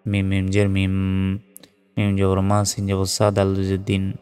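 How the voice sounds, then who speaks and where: Slow, dark-voiced Bangladeshi Quran teacher. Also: male voice, low voice, monotone, clear, resonant tone. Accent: Bangladeshi Bengali. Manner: slow, measured teaching, spells each letter then chants the verse. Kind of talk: spelling out and chanting Quranic verses in a lesson. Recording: studio voice with long reverb and soft music.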